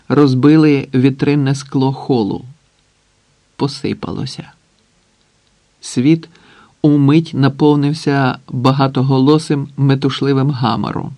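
A man reads a tense story aloud at an unhurried, deliberate pace, letting long pauses hang between phrases. His voice sits at a medium pitch, and the recording is close and dry. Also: mellow, no echo. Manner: measured, with long dramatic pauses. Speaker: audiobook narrator. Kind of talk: scripted dramatic narration.

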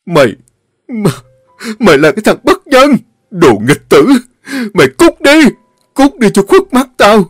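A man voicing a stern, grief-stricken elderly father, scolding and shouting at his son. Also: medium pitch, expressive, normal speed, dry recording, studio quality, soft background music, natural voice. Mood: furious.

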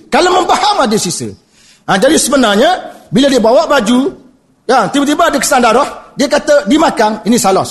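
A middle-aged man with a Malaysian Malay accent giving a lively, jokey religious lecture, often addressing his audience directly. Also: very high voice.

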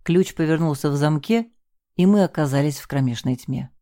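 An audiobook narrator with a low, dark female voice tells a story in the first person at a moderate pace. The recording is dry and cleanly studio-made.

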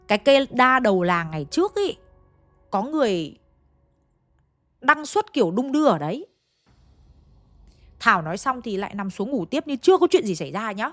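A woman narrates a ghost story as if chatting with friends, often calling out to her listeners. Her voice sits at an ordinary pitch for a woman. Soft music plays quietly underneath. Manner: chatty, addresses listeners directly. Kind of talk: casual storytelling.

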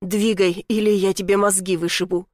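A woman's voice: mid-range voice, level tone, moderate pace, a little mellow, no echo, clean studio sound, close to an everyday voice. A woman voicing a hissing male gang leader. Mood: yelling. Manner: hissing, barking threats. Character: brutal male gang leader, hotheaded and menacing.

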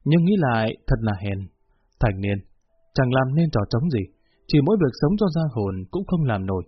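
A man reading a gentle, earnest young man. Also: mid-range voice, very animated, normal speed, breathy edge. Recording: muffled lo-fi with faint music.

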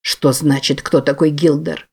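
A fierce, defiant young woman in an audiobook, snapping short, hostile answers, as a woman reader plays her. Her voice sits low and hard. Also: level tone, a little slow, vocal fry, a little mellow, slightly rough, exaggerated voice. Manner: curt, hostile. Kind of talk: audiobook character voice.

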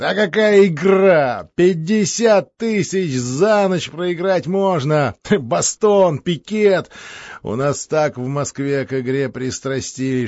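A man voicing a boisterous, boastful middle-aged count in an audiobook, talking loudly with laughter in his voice. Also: medium pitch, no echo, highs cut off. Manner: loud, laughing, bragging. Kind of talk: audiobook character voice.

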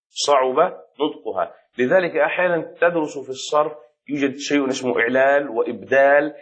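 A man, a sheikh, teaching a classroom lesson on rhetoric, patiently repeating key words and checking that the student follows. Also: medium pitch. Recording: dull lo-fi recording.

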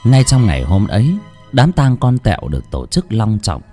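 A man's voice: fairly low pitch, big pitch swings, normal speed, mellow, faint music behind. Dramatic male horror storyteller. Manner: dramatic, vivid delivery.

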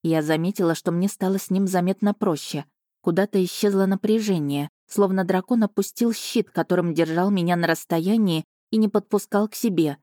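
Woman reading an audiobook, low voice, dry close mic, even and measured. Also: no room sound. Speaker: audiobook narrator. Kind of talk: first-person novel narration.

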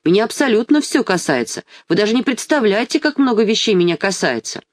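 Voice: mid-range voice, big pitch swings, brisk, no echo, clean studio sound, pitched above the performer's own voice, natural voice. A reader voicing a fierce, defiant schoolgirl who talks back to adults. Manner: defiant, shouting. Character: bold schoolgirl, fierce, feisty.

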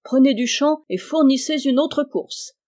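A reader voicing a stern, loyal man-at-arms who calls out commands loudly while training a young knight. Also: mid-range voice, expressive, normal speed, natural voice. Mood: urging.

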